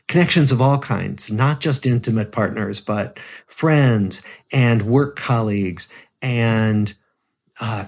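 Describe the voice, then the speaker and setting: A man in his seventies, a psychiatrist guest on a podcast, explaining things in a calm, measured way. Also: on the low side, slightly rough. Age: 70s. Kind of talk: podcast interview.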